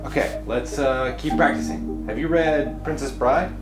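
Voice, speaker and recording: A man speaking gently and encouragingly to his talking speaker friend, outdoors in a city with music behind. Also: mid-range voice, a little slow, close to an everyday voice. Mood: chatty. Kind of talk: scripted short-film acting.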